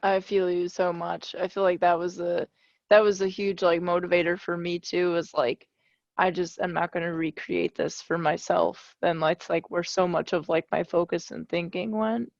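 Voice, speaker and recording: A woman hosting an interview, responding supportively and asking gentle questions. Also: fairly low pitch, level tone, normal speed, creaky, no echo, highs cut off. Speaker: host. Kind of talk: interview conversation.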